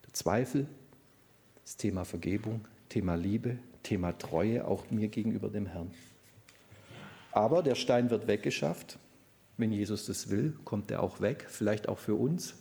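A middle-aged man preaching a sermon, slowing down on quoted commands and swinging between low earnest tones and lively, raised emphasis. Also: vocal fry. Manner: slows down to stress quoted commands.

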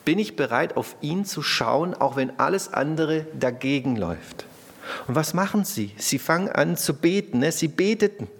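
A man preaching a conversational sermon, swinging between loud emphatic bursts and soft, low passages, often adding little tag questions. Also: lively intonation, moderate pace. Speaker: pastor. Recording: long reverb of a large hall.

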